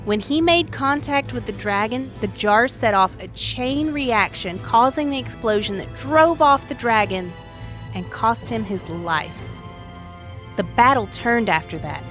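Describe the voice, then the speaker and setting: A woman's voice: a little high, a little slow, a bit bright, faint music behind. A woman hosting a story show, reading a scripted narration of a tabletop adventure in a wry, dramatic way. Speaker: story podcast host.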